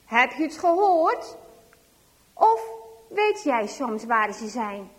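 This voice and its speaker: A woman voicing a worried, commanding male village chief who questions loudly and urgently. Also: high-pitched, big pitch swings, slow pace, long reverb tail, pitched below the performer's own voice, full character voice.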